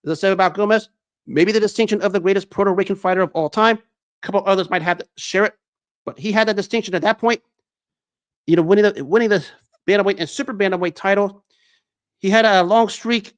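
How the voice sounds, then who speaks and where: A man hosting a sports talk show, delivering an enthusiastic commentary monologue with frequent restarts and fillers. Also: sits high.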